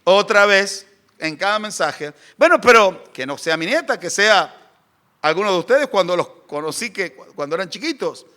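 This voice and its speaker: A middle-aged man, preaching a sermon and acting out crying and shouting. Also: sits high, normal speed. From Argentina. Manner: animated, acts out crying babies and shouts. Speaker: pastor.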